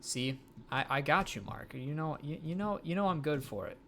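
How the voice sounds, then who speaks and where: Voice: mid-range voice, normal speed, fairly bright tone, a little hiss or hum. A game streamer giving playful commentary, stammering and talking to the game's characters.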